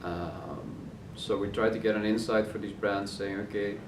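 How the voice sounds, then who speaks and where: Low-voiced co-founder man, roomy and distant. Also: moderate pace. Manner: relaxed, many uh fillers. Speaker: company co-founder. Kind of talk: casual interview answers. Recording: roomy office, distant mic, noisy hum.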